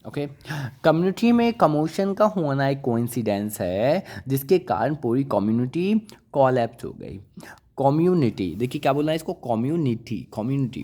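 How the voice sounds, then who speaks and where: A man's voice: fairly high pitch, mellow. A man teaching with repeated questions. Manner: repeats words and quizzes listeners with questions; coaxing, calls listeners brother and child. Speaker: English vocabulary teacher. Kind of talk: classroom lecture.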